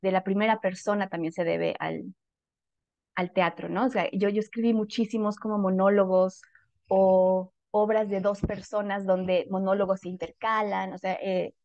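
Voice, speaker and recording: A woman's voice: mid-range voice, little pitch movement, moderate pace, darkish tone, no echo, lo-fi sound. A woman writer in a casual interview, speaking thoughtfully and animatedly with many fillers and self-corrections.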